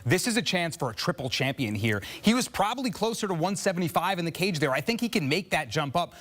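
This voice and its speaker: A man's voice: a little high, sing-song, fast, fairly bright tone. A man giving conversational, slangy fight analysis as a studio sports pundit. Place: broadcast studio set.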